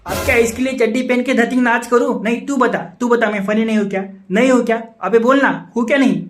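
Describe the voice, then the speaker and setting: A man's voice: very high-pitched, steady tone, fast, soft background music. A man playing a frustrated young boyfriend who rants and badgers his friend with repeated questions in a comedy sketch. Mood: ranting. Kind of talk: Hindi comedy sketch dialogue.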